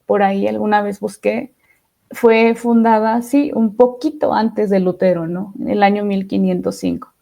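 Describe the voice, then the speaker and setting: A woman's voice: medium pitch, fairly even intonation, normal speed, creaky, mellow. A woman, a podcast guest sharing her testimony in a reflective way, often asking "¿no?". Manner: reflective, often ends phrases with "¿no?". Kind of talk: testimony interview.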